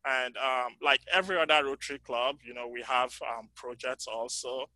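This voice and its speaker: A man giving a conference breakout talk, halting with many pauses and fillers, his voice fading in and out. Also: mid-range voice, fairly even intonation, pushed and bright, dry recording, rough recording. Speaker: convention panel speaker.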